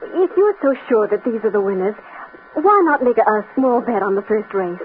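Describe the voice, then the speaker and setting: An actress playing a practical, persuasive young fiancée with an American accent in an old-time radio drama. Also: female voice, fairly high pitch, lively intonation, normal speed, narrow, tinny audio, lightly acted. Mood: coaxing, persuasive. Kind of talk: mid-century American radio drama acting. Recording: scratchy, band-limited old radio recording with noise.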